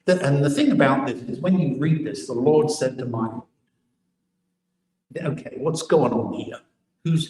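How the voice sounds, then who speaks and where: A man delivers a sermon at a middle pitch, unpacking scripture with rhetorical questions. He sits back from the microphone, so his voice carries the roomy echo of the church around him. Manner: explanatory, asks rhetorical questions. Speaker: preacher. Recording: echoey church from a distant mic.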